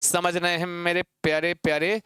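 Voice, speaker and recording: A man teaching an exam-prep lesson, repeating points, quizzing his students with rhetorical questions and chanting word forms slowly. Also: sits high, little pitch movement, bright, forceful tone, clear, resonant tone, no room sound.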